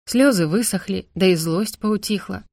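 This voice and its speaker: A woman reads a novel aloud with steady, expressive storytelling. Her voice sits at an ordinary middle pitch, recorded dry and close with no room sound. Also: moderate pace, vocal fry, dry recording. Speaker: audiobook narrator. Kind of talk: scripted narration of a novel.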